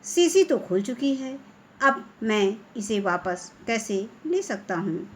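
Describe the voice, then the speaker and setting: A woman's voice: fairly high pitch, sing-song, slow pace, slight background noise. A woman voicing an arrogant village shopkeeper in a children's story. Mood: haughty. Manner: haughty.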